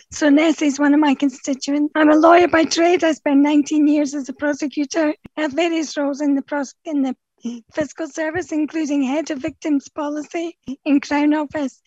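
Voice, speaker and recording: An enthusiastic woman in her forties introduces herself as a councillor. Her voice is high, and the recording is dry and dull, like a lo-fi line. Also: darkish tone, dry recording. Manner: upbeat, enthusiastic. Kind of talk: panel interview answers. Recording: dull lo-fi sound.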